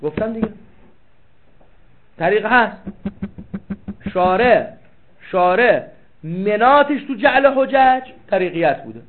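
A man gives a seminary lecture in a high voice, reading Arabic passages aloud and breaking them down with his own questions. He repeats key phrases to drive a point home. The recording is thin and phone-like. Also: lively intonation, pauses often. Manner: explains with rhetorical questions and reads out Arabic text. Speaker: seminary teacher. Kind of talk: classroom lecture.

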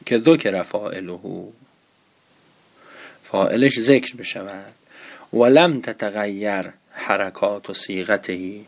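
A man with a fairly low voice teaches a grammar class. His delivery is lively and full of rising and falling pitch. He slows down to read Arabic passages and then quizzes himself on them. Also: gravelly. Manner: explains patiently, asks and answers his own questions, reads Arabic text slowly.

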